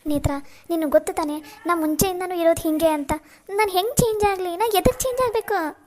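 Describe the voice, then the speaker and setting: Girl doing a sad young wife in a cartoon, high voice, pleading. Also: fairly quick. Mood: hurt. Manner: sorrowful, pleading, near tears.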